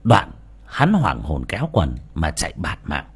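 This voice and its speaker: A man narrating a folk ghost story in a lively, colloquial, dramatic way. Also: rumbling low, normal speed, breathy edge. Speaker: audiobook narrator.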